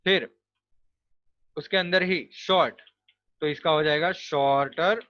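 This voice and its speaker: A man's voice: a little high, slow. A man teaching a grammar lesson, explaining step by step and spelling words out letter by letter. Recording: dull, lo-fi dry recording.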